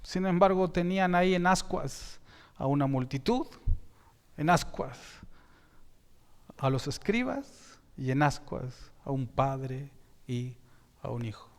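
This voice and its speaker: A man preaching a sermon as a pastor, slow and emphatic, with sudden rises in volume and frequent self-corrections. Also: fairly high pitch, expressive, smooth. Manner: repeats and corrects himself mid-sentence. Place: church sanctuary. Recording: long reverb in a church hall.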